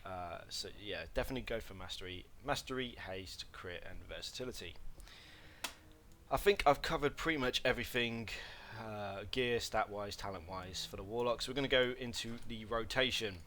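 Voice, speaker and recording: A man with a fairly low voice that sounds pushed and bright speaks at a moderate pace in his casual gameplay tutorial as a game guide presenter. A slight throat irritation brings a small cough, and he rambles with lots of fillers and self-corrections.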